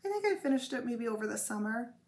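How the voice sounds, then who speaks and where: A woman's voice: a little high, very animated, fast talker, darkish tone. Woman chatting at home about her stitching, rambly, has a cold. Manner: chatty, rambling, self-deprecating. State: coughing from a cold. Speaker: flosstube host. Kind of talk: casual show-and-tell chat. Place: home room with blanketed windows.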